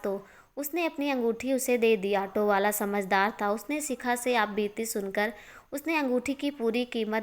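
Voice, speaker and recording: Woman telling a story, fairly high voice. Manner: steady, expressive storytelling. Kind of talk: scripted story narration.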